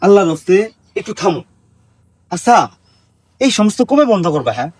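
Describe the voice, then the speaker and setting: Brief: high, fast-talking exasperated son, played by a man, lecturing and scolding, dry sound. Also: very animated, dry recording. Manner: exasperated, lecturing, rising to shouts. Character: exasperated grown son, scolding his gossiping mother. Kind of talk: comedy skit acting.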